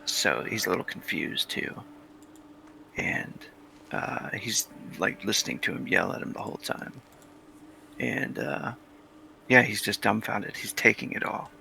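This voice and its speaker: Gravelly, sharp-toned man playing a tabletop game. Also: lowish voice, lively intonation, a little slow, long pauses, a little hiss or hum. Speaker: player.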